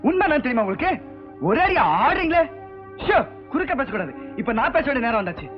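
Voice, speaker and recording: A brash, sarcastic young man squares up to his elders in an old film. His voice sits very high and swings widely. The soundtrack is dull, with film music running underneath. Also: very animated, fast talker. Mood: indignant. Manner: sarcastic, confrontational. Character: brash defiant young male lover. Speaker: film hero, a young singer. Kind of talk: 1980s film dialogue.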